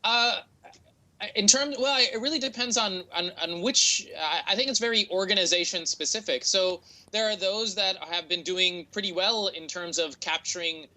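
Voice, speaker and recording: Bright-voiced American man, halting interview answers. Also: high-pitched, rough recording. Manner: hesitant, halting, repeats words while thinking. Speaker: interview guest, tech entrepreneur.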